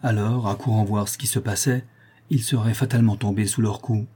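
A man's voice: lowish voice, steady tone, fairly quick, dark tone, breathy edge. A man reading a novel aloud, voicing a confident middle-aged master detective with a lightly amused, assured manner. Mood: explaining. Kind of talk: audiobook character voice.

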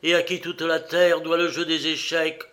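A man's voice: a little high, flat delivery, normal speed, fairly bright tone, lightly acted. A man voicing an earnest Indian sage who speaks emphatically, with sudden exclamations.

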